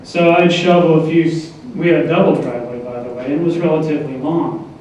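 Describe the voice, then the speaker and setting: An older man giving a memorial tribute to his mother, speaking haltingly with pauses and fillers. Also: fairly high pitch, darkish tone. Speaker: son giving a eulogy. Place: large echoing hall. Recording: echoey lo-fi hall recording from far off.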